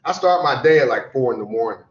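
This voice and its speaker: A tired, sleepy man teaching a lecture class, repeating definitions slowly so students can write them down. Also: mid-range voice, animated. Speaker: college instructor. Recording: echoey classroom, dull lo-fi sound.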